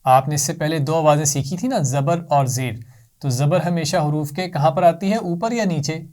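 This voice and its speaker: In a children's Quran reading lesson, a man teaches patiently and clearly, saying each sound slowly so the class can repeat it. His voice is fairly high and a little mellow.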